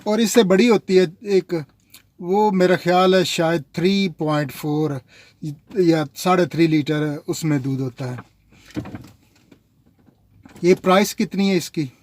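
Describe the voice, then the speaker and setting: A high-pitched, darkish male voice, moving at a measured pace with long pauses. He's a Pakistani man vlogging casually and rambling, speaking directly to viewers he calls "nazreen."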